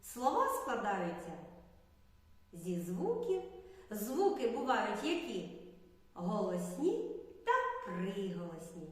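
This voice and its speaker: A woman's voice: medium pitch, sing-song, slow, pauses often, darkish tone. A woman preschool teacher opening a lesson for children and answering her own questions as she explains. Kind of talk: lesson introduction. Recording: very echoey hall with long reverb.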